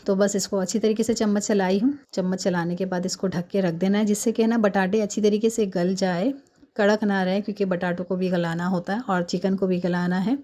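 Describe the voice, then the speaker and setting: A woman doing a hurried, chatty cooking voice-over while fasting, explaining each step at home. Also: mid-range voice, flat delivery, mellow. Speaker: home cook vlogger.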